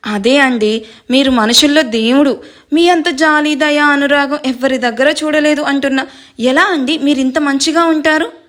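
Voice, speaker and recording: A woman's voice: sits high, normal speed, a bit bright. A woman storyteller voicing a sleepy young wife who grumbles under her breath and sweet-talks her husband. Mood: sweet-talking. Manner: sulky, muttering complaints, then sweetly pleading.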